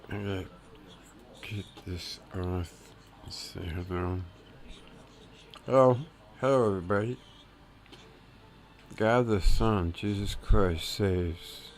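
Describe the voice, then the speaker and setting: A man with a very low, mellow voice hosts an informal live stream. He talks haltingly and loosely, his words a little thick from a swollen tongue. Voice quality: thick-tongued, slightly impeded speech. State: swollen tongue, difficulty talking. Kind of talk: casual live chat sign-off.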